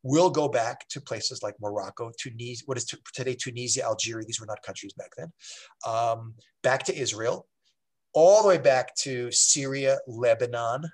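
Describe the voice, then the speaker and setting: A man with an ordinary mid-range voice, speaking as a rabbi on an interview show. He explains history in an easygoing, rambling way, restarting his sentences and filling pauses. He drifts into side stories before coming back to the point. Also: mid-range voice. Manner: digressive, with frequent fillers and restarts.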